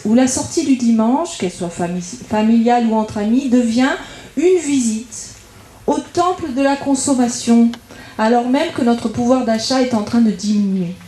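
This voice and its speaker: A local campaigner, a woman with a French accent from France, reads a prepared political speech at a public debate held in an indoor meeting room with an echo. She speaks at a moderate pace in a warm, higher-leaning voice, arguing methodically and enumerating her points.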